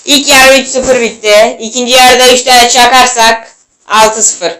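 A young man commentates his own football game match, jumping from mutters to shouts at his players and cracking jokes. His throat is sore, his tone bright and edgy, and he talks slowly between outbursts. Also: very high voice. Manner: excitable, shouts at players, jokey. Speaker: gaming channel host. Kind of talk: live gameplay commentary.

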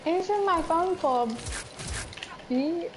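A woman's voice: very high voice, slow pace, very noisy. A woman chatting while playing an online game with friends, insistent and demanding. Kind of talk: casual gaming chat.

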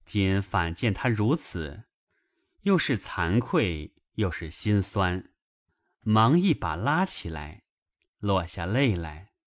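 A man narrating a classic novel aloud in a measured, expressive storytelling manner. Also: deep voice, no room sound, studio quality.

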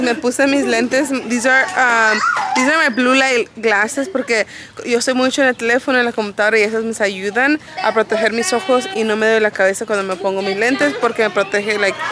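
A young woman vlogging casually into a phone camera, mixing Spanish and English and getting emotional. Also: fairly high pitch. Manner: chatty, emotional, switches languages mid-sentence. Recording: phone vlog with clear background noise.

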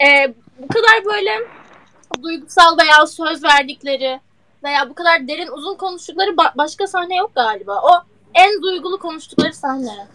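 A female actress in casual chat with fans, emotional and quick to laugh. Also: high-pitched, expressive, pushed and bright, poor audio. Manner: giggly, emotional, laughs often.

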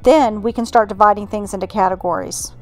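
A middle-aged woman, host of a home organizing channel, calmly narrating a scripted voice-over with friendly instructions. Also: mid-range voice, brisk, over loud music. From Texas.

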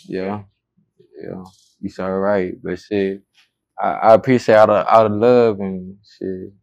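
A man's voice: level tone, slow pace, vocal fry, darkish tone, lo-fi sound. A young man, a rapper, answering interview questions in short, mumbled, slangy replies, seated indoors on a lapel mic. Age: young adult. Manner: terse, mumbled, low-key, slangy. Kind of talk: casual interview.

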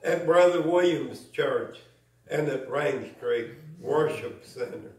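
Folksy church elder, slow and chuckling; higher voice, far from the mic in a roomy church. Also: male voice, a little mellow. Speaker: closing speaker at a church service. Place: church sanctuary. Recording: echoey church from a distance.

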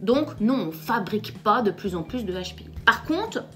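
A woman's voice: medium pitch, lively intonation, moderate pace, sharp tone, soft background music. A middle-aged French woman, a psychotherapist, hosting an emphatic direct-to-camera explainer and addressing viewers directly. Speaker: psychotherapist and YouTube host.

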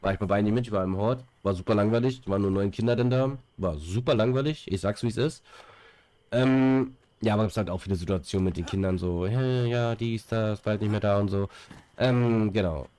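A young man streaming a game chats on his headset with a nose stuffed up by a cold, rambling and filling gaps with filler and repeated words. His voice is fairly low and mellow, he speaks fairly quickly, and there's no echo.

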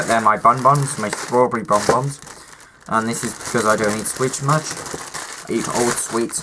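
A man's voice: on the low side, background noise. A young man, sick with a cough and sore throat, chatting casually to camera in a rambling, self-mocking way. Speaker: vlogger. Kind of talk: casual vlog chat.

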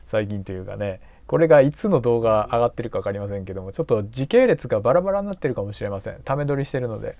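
A man giving live gameplay commentary in an animated way, laughing and shouting at the game. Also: mid-range voice, very fast, hardly any pauses, dry recording.

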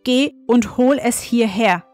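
A woman's voice: on the high side, takes it slowly, darkish tone, soft background music. A woman reading an earnest young prince. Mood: stern. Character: young king's son, earnest, questioning.

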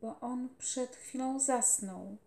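Woman voicing a gentle boy leader, soft and slow, mellow, roomy sound. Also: high voice, creaky, exaggerated voice. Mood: hushed. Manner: soft and hushed. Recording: roomy echoey home recording.

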